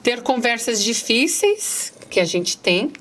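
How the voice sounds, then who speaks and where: A woman's voice: a little high, very animated, takes it slowly, a bit bright, slight background noise. A middle-aged woman with a Brazilian accent, speaking earnestly as a guest, reading passages aloud and addressing listeners directly.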